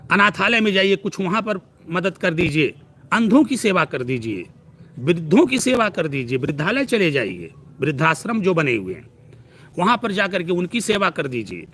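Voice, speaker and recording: A man's voice: fairly high pitch, a bit bright. A man giving a preachy live-stream astrology talk who piles up long lists of words.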